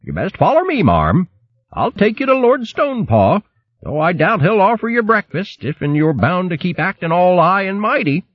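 A man's voice: high-pitched, sing-song, normal speed, no echo, dull audio, voice pushed up. A man voicing an old male boxing hare who talks in a bluff, salty way. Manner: bluff, salty, sailor-like speech.

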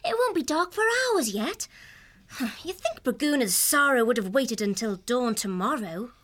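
Fretful little creature girl, a man doing the voice, very high and bright. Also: very animated, unhurried, full character voice. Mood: worried. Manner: anxious, questioning.

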